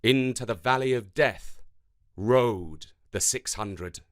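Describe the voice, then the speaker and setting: Reading scripted history and poetry aimed at children, a male narrator speaks at a medium pitch. He tells it in a deliberate, expressive, theatrical manner.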